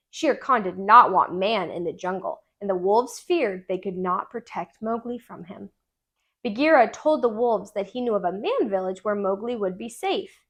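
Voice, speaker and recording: A woman tutor with a mid-range voice is reading a storybook to children. She speaks slowly and with intention, bringing expression to every line.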